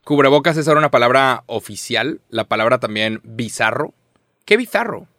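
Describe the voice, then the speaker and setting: A man's voice: mid-range voice, a little fast, pushed and bright, no echo, studio quality. A young Mexican man co-hosting a podcast, joking loosely and using crude slang. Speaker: podcast co-host. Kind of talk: casual chat.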